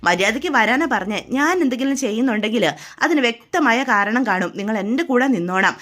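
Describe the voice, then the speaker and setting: Brief: woman doing a domineering, scheming mother, high-voiced and scolding. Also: animated, fast talker, a bit bright. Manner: scolding, bossy, nagging her husband. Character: scheming domineering middle-aged mother, sharp-tongued.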